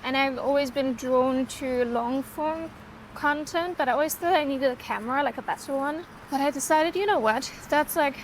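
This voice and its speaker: A German woman in her twenties films a travel vlog on her phone camera around city streets and small eateries, chatting casually and rambling with lots of fillers. Her voice is high-pitched and moderately paced. The recording is rough, with a little hiss or hum.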